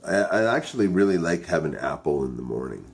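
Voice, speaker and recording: A Canadian vlog host reviewing dipping tobacco chats casually to his viewers, hesitant and thinking aloud in a rambling way. His deep voice swings widely in pitch, fairly quick and creaky.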